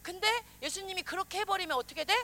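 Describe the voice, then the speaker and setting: A woman pastor preaching a sermon, animated, questioning the congregation and acting out quoted voices. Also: very high-pitched, fast.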